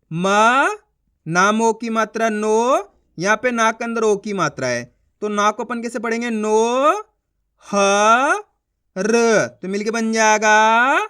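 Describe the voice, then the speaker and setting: Guy teaching a reading class online, high smooth voice, stretches each syllable and keeps asking did you get it. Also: bright, forceful tone. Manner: slow, stretched syllable-by-syllable sounding out; repeats questions to check understanding.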